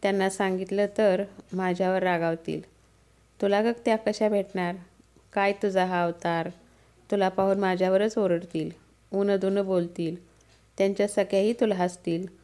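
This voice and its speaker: A woman's voice: medium pitch, fairly even intonation, moderate pace, dark tone, close to an everyday voice. A woman voicing a timid, anxious palace maid who speaks nervously and pleads in a devotional story.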